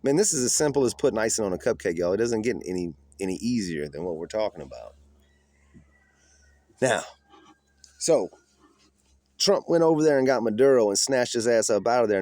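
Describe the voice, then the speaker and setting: A man's voice: fairly low pitch, darkish tone, dry recording. A man ranting outdoors in the cold, giving profane, combative and mocking political commentary. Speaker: political vlogger.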